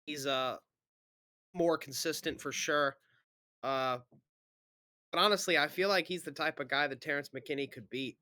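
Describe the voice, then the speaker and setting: A man's voice: on the high side, moderate pace, long pauses, pushed and bright. A man thinking aloud through fight predictions in casual chat, hedging and correcting himself.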